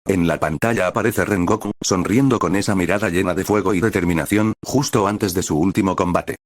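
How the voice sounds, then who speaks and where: A man narrating a fan reaction story with a flat, even reading. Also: sits low, brisk, no echo, studio quality.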